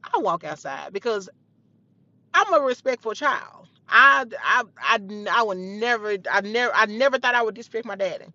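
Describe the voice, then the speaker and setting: A woman's voice: on the high side, lively intonation, moderate pace, bright, forceful tone, no echo, highs cut off. A young woman telling a heated personal story in a blunt, profane, casual way.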